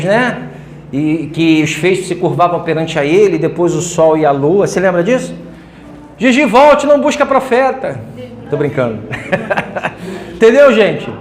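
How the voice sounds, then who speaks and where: A man preaching a sermon as pastor, joking and talking colloquially. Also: sits high. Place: church hall. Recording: echoey church room with faint music.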